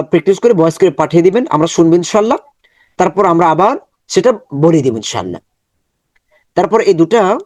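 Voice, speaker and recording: A man with a Bangladeshi Bengali accent teaching Quran letter pronunciation, slowly repeating each sound as an online lesson. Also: high-pitched, darkish tone, no echo. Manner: slow, drawn-out repetition of letter sounds. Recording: dull, dry lo-fi recording.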